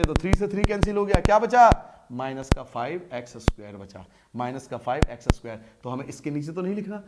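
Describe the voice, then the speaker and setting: A man teaching a maths lesson at a board, talking in a lively, coaxing way and asking and answering his own questions. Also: high voice, heavy background noise.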